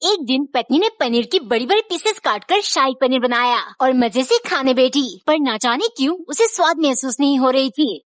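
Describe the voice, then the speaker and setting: A woman narrating a string of comic stories in a brisk, lively way. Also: high voice, no room sound, studio quality. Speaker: joke narrator. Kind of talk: storytelling jokes.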